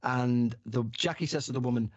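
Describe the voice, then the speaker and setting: A man telling anecdotes in relaxed, chatty conversation, at a medium pitch. He acts out each quote and swears casually. His voice is recorded close and dry, with no room sound. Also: moderate pace, no room sound, highs cut off. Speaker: podcast guest or host. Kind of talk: casual chat, storytelling.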